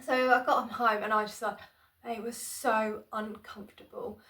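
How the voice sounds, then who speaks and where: A woman's voice: fairly high pitch, little pitch movement, normal speed, bright, forceful tone. A woman chatting casually to her phone camera in a small room at home, rambling and self-deprecating, with plenty of "um"s and restarts. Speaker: vlogger. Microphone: phone camera on tripod.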